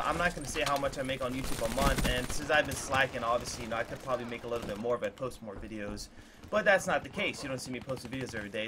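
A man's voice: medium pitch, noisy background. A man in his early twenties talks candidly to his viewers from a small room at home, earnest and rambling, repeating himself with lots of fillers. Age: 20s. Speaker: gaming YouTuber. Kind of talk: candid talk to viewers over gameplay. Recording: clear gunfire from the game behind the voice. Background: game gunfire.

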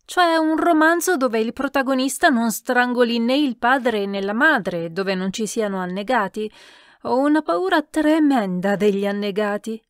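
A fussy, imperious elderly countess scolding her household, put on by a woman reading the story aloud. Her voice climbs and gets louder with each command, sharp and peevish. The recording is dry and close. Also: fairly high pitch, animated, unhurried, clean tone, no echo.

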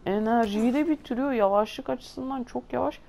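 A woman's voice: on the high side, moderate pace, vocal fry, warm tone, slight background noise. A woman doing gameplay commentary for her channel, swearing constantly and griping to her viewers. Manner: swears a lot, grumbling and exasperated; talks straight to viewers. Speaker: gaming video host.

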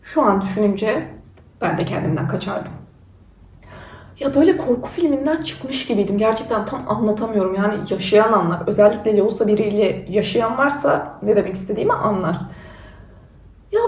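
A woman's voice: mid-range voice, animated, moderate pace, darkish tone. A young woman vlogger, candid and self-mocking as she casually tells her own story. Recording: roomy sound from a distance.

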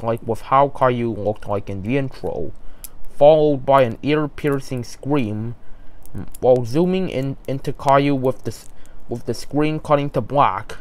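A man narrating a creepypasta in a halting, stumbling way, often restarting his sentences. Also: medium pitch, a little mellow.

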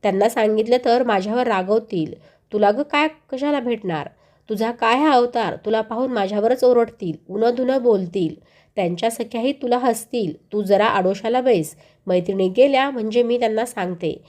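A woman's voice: a little high, moderate pace, a little mellow, lightly acted. A woman voicing a young palace maid who questions a stranger fussily and later pleads anxiously. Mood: fussy.

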